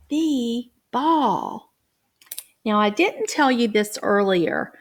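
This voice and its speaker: A woman reading teacher explaining guided reading, slipping into a bright, exaggerated voice when she models talk with young children. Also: medium pitch. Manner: careful, deliberate phrasing. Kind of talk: teacher training demonstration.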